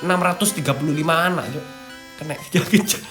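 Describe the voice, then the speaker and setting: Background music runs under this young man's hosting as he alternates scripted reading with loose, slangy remarks, his East Javanese accent clear. The pitch is a little high, the pace quick, and the intonation fairly even.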